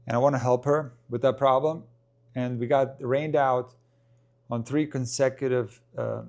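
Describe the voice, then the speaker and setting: A man's voice: medium pitch, a little mellow. A man hosting a casual tennis live stream who talks loosely with many ums and restarts while answering viewer questions.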